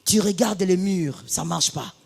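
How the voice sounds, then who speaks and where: A woman pastor preaching a sermon, moving from hushed tones to loud bursts. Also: fairly low pitch, a little slow, gravelly, slightly rough. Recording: long reverb of a large hall.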